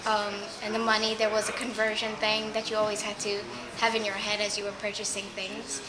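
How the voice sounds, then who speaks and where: A woman's voice: medium pitch, completely flat delivery. Thoughtful woman from New York. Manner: measured, thoughtful, frequent "um". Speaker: interviewee. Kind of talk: casual interview. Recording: echoey room, party noise with dishes.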